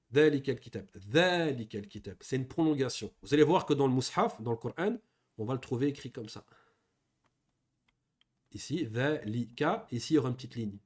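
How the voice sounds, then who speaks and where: A man giving a beginners' lesson, reading Arabic words aloud and patiently explaining each one in French. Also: fairly high pitch. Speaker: Arabic teacher. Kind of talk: classroom lesson explaining grammar.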